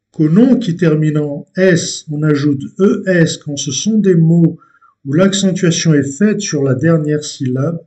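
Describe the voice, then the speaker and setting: A man teaching a language lesson, explaining step by step in a deliberate way with frequent hesitations and repeated words. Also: on the high side, dark tone, dull audio.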